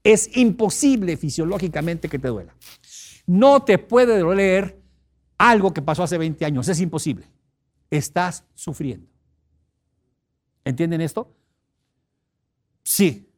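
A man's voice: fairly high pitch, lively intonation, unhurried, long pauses. A man with a Mexican accent giving a motivational seminar, speaking emphatically and asking the audience questions. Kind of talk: seminar talk.

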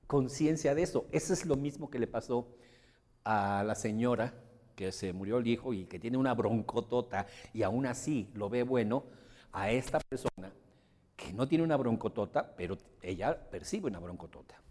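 A man speaks to a roomful of people in a motivational seminar, moving between lively stories and points for the audience. His voice sits in a middle range. A long reverb follows each phrase, as in a large hall. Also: mid-range voice, normal speed. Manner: animated storyteller who acts out quoted voices. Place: large room before an audience.

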